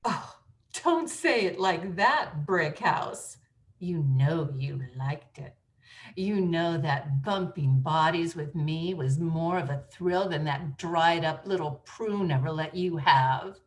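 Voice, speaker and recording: Woman doing a sultry, smug seductress with a low purr, slow drawl. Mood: teasing, sultry. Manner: low, purring and teasing. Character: sultry, brazen female seductress mocking a rival. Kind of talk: improvised comedy scene.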